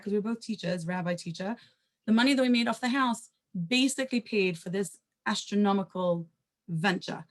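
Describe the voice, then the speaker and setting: Her voice sits in the mid range as she recounts a personal story on a panel. The delivery is quick and chatty, full of side remarks, self-corrections, and Hebrew terms.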